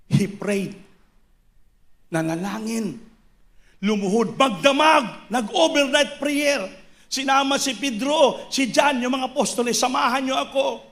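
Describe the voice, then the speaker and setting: A man preaching a sermon, impassioned, swinging between shouted lines and hushed low passages.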